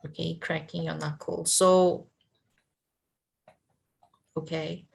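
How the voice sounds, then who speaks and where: A woman who is a non-native English learner, speaking haltingly in a lesson and repeating phrases back. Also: low voice, flat delivery, gravelly, a little mellow. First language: not English. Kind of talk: conversational language lesson.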